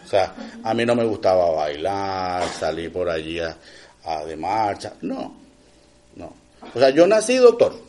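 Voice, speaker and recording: A middle-aged man preaching a conversational sermon, often checking in with his listeners with quick asides, swinging between loud emphatic lines and quiet ones. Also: low-pitched, very animated.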